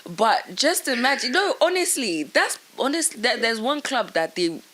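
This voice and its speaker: A young woman, co-hosting a podcast in casual chat, telling animated stories and acting out what people said. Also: a little high, a little slow. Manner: animated storyteller, acts out quotes, laughs often. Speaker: podcast co-host.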